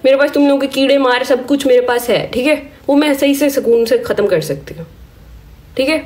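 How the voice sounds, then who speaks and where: A woman with a hoarse, sore-throated voice delivering a stern warning rant to her live-stream viewers, scolding them and asking "okay?" after each point. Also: sits high, a little fast, a little mellow. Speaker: social media creator on a live stream.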